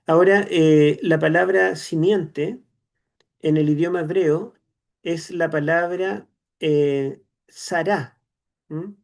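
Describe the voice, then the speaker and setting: A Chilean man lectures on scripture to an online class. His voice sits a little high and has a gravelly edge, and he explains slowly, filling pauses with "eh" and checking in with tag questions. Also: steady tone. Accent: Chilean Spanish. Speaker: seminary teacher.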